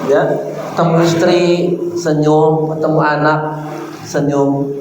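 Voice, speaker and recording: A man preaches at an unhurried pace, his voice sitting a little high for a man. He talks with the congregation rather than at them, asking questions and addressing them as sir. The sound is roomy, with long reverb from a large hall and a faint hiss behind it. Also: level tone. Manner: conversational, asks the congregation questions; keeps addressing listeners as sir. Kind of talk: sermon. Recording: echoey hall with faint background noise.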